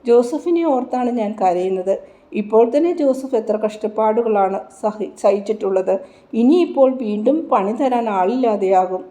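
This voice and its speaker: Lady reading a sad young mom in a bible story, tearful and humble, soft mellow tone. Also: medium pitch, normal speed, roomy sound, lightly acted. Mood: sorrowful. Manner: tearful, apologetic. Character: young grieving mother, tender and humble.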